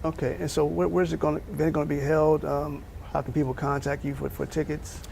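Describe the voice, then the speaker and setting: A man hosting a TV interview show talks quickly in a gravelly, mellow voice, brisk and with repeated words. His voice sits fairly high for a man, over faint noise. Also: level tone. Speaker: TV host.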